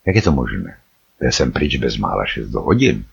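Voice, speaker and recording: A man narrating an audiobook in a measured, somber way. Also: extremely low pitch, very animated, gravelly, husky. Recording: slightly dull recording.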